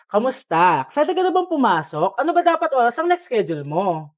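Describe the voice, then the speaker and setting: A woman playing a lively adult interviewer asking a student questions at school, in an animated questioning manner. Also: fairly high pitch, fairly quick, pitched below the performer's own voice. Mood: curious.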